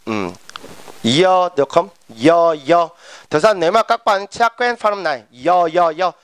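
A man's voice: high-pitched, expressive, moderate pace, clean tone. A Korean man with a Korean accent teaching pronunciation in a lesson, modeling sounds over and over. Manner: drills sounds with repeated modeling.

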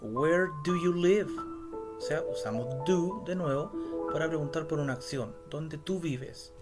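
A man teaching English in a recorded slide lesson, explaining step by step and reading the English phrases slowly and carefully. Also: fairly high pitch. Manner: patient, explains step by step, checks in with "¿ya?" and "¿cierto?". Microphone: voice-over. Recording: loud background music.

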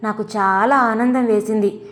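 A woman reading a comic audio story aloud in the first person, expressive and scripted. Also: a little high, unhurried, long reverb tail. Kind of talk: scripted comedy story narration.

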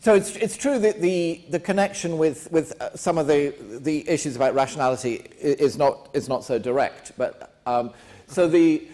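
A man's voice: on the high side, normal speed, warm tone. An older man, a philosophy lecturer, answering a question in a lecture room with many hesitant restarts and fillers. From England. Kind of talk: academic Q&A answer.

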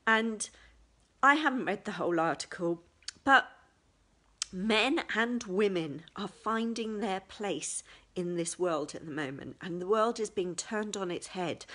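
A woman in her forties talks in an emotional, personal vlog style. Her pitch is average for a woman. She speaks directly to her listeners as the host of a support group. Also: fairly bright tone. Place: small indoor room at home, seated. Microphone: phone at arm's length.

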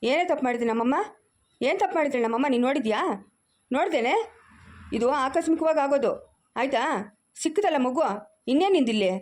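A woman's voice: sits high, lively intonation, fast, pauses often, a little mellow. A woman with a Chikkaballapur Kannada accent playing an angry son who harshly threatens and rebukes his wife to defend his mother.

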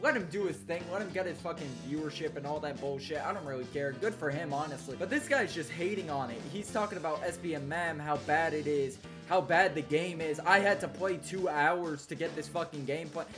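High-pitched young man talking profane gamer trash. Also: fairly quick, few pauses, over music. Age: young adult. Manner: profane, slangy trash talk. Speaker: gaming YouTuber. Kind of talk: casual gameplay commentary. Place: small room indoors.

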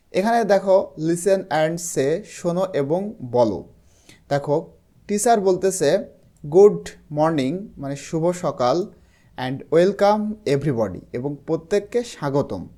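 A teacher with a Bangladeshi Bengali accent leads an online lesson in a mellow, warm voice at a middling pitch. Each English phrase is read out slowly and then translated into Bengali for the students.

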